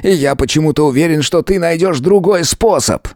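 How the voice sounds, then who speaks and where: A man voicing an earnest, idealistic young male detective who pleads and shouts at his partner. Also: a little high, brisk, no echo, studio quality, pitched above the performer's own voice, natural voice. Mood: firm.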